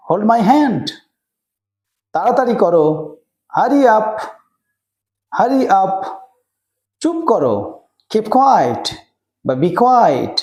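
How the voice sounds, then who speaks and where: A man teaching a spoken English lesson, saying each phrase and then repeating the English slowly twice. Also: sits high, darkish tone, reverberant.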